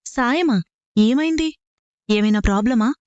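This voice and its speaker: A woman's voice: a little high, measured pace, a little mellow, smooth, highs cut off, close to an everyday voice. An actress playing a cool, guarded young woman who answers evasively. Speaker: actor in a TV serial. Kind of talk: TV serial acting.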